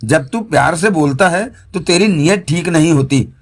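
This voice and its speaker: A man voicing a stubborn, sharp-tongued woman who scolds and refuses, in an audiobook. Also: fairly high pitch, normal speed.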